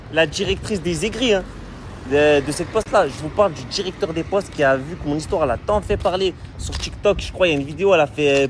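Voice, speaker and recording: A man vlogging to camera, telling viewers an excited story. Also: on the high side, slight background noise. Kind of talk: vlog to camera.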